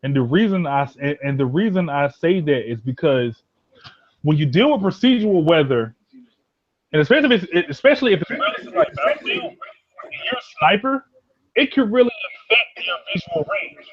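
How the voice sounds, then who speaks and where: A man's voice: fairly high pitch, very animated, moderate pace. Man sounding muffled, like through a tube. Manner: loose, profanity-heavy, keeps asking "you know what I'm saying". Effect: muffled hollow sound, like talking through a tube. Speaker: podcast co-host. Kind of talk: casual gaming chat. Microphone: phone. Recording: dull lo-fi phone line, cutting out.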